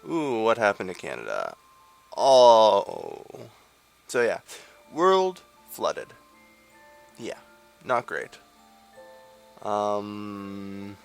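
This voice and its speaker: On the low side with noticeable vocal fry, this young let's-play host rambles through sarcastic gameplay commentary at his desk microphone, leaning heavily on fillers.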